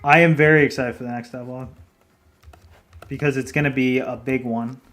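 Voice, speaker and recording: An indie game developer, a foreigner living in Japan, chats loosely with viewers on his livestream, answering chat in a rambling way with frequent laughter and casual swearing. He has a non-native accent in Japanese, and his mid-range, slightly bright voice is fairly even and moderately paced.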